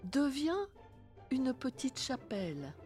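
Woman voicing a little storybook girl, soft, quick-witted, calm, quietly urgent. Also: sits high, faint music behind, heavily acted.

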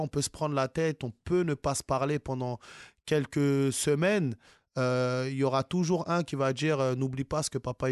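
A man's voice: medium pitch, smooth, dry recording, clean studio sound. A man from France, an author being interviewed, speaking casually with many fillers and restarts.

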